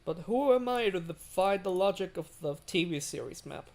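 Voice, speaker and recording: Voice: medium pitch, lively intonation, moderate pace, a little mellow. A livestreamer chatting casually while building a railway in a game, rambling with many fillers and greeting chat. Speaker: livestream host.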